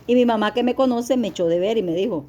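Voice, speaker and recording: Mellow-voiced woman preaching earnestly. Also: on the high side, quick pace, lo-fi sound. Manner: earnest, confessional, addresses listeners as beloved. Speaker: lay preacher. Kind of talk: testimony-style sermon.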